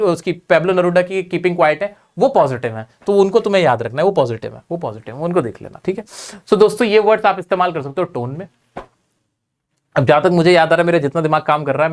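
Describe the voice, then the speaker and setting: A man teaching an exam-prep class, repeating key points and quizzing his students. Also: sits high.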